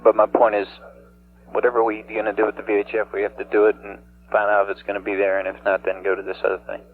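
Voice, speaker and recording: A man's voice: fairly low pitch, monotone, fast talker. A man acting as flight director, talking technically and insistently over a mission control radio loop. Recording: noisy, humming, phone-like radio loop.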